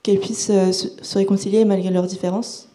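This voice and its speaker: Mellow, even-toned woman interpreting. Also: medium pitch, brisk. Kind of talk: consecutive interpreting, informal.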